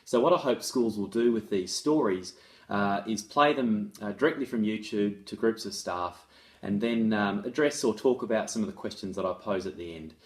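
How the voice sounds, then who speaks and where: Speaking at a normal speed in a lowish voice, an education author and presenter on restorative practices in schools reads out a case study, then talks through it in a conversational, teaching style.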